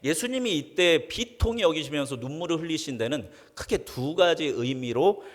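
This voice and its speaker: A male pastor preaching a sermon, who asks his congregation questions and answers them himself, and reads scripture slowly and solemnly. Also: on the high side, animated. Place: church sanctuary. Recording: long reverb of a church sanctuary.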